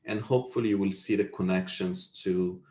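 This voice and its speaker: A man's voice: sits low, steady tone, a little fast, dark tone. A man giving an explanatory technical lecture over an echoey video call. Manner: explanatory, checks understanding with questions. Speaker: university lecturer. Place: indoors, online video call.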